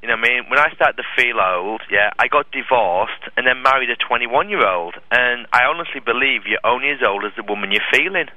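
A man's voice: medium pitch, lively intonation, a little fast, hardly any pauses. A man co-hosting a casual chat, blunt and teasing, who swears freely. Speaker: podcast co-host. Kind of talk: casual banter. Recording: dull lo-fi line.

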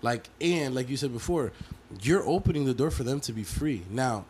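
Man, podcast co-host, earnest, preachy, repetition for emphasis, mid pitch, faint hiss. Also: expressive, moderate pace, a little mellow. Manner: earnest, preachy, builds emphatic repeated lists. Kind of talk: faith podcast conversation.

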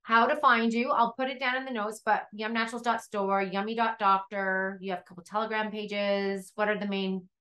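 A woman hosting a casual podcast interview, animated and repeating "like" as she talks. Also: medium pitch, moderate pace, few pauses. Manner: animated, exclaims often, repeats "like". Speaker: podcast host.

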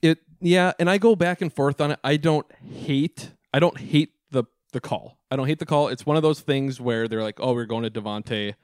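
A man's voice: a little high, normal speed, hardly any pauses, no echo, clean studio sound. A man co-hosting a sports podcast, talking in a casual, rambling way with frequent restarts. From Minnesota. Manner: rambling, restarts often, laughs easily. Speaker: podcast co-host.

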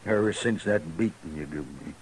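Old radio show western: a frightened gunfighter, low voice, stammering pleas, light tape hiss. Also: male voice, normal speed. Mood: desperate. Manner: pleading, stammering. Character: aging gunfighter, frightened and desperate man. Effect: old radio show broadcast. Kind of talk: 1950s radio drama acting.

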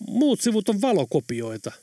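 A man's voice: sits high, wildly swooping pitch, mellow, no room sound, studio quality, pitched above the performer's own voice, exaggerated voice. A man reading an audiobook, voicing a wry, teasing adult man.

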